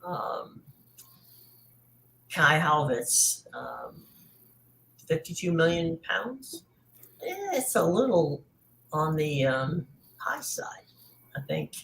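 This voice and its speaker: Male sports host, gravelly tone, loose rambling delivery full of ums. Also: a little high, big pitch swings, very slow, pauses often, a bit bright, rough recording. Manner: rambling, many fillers. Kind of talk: casual sports talk.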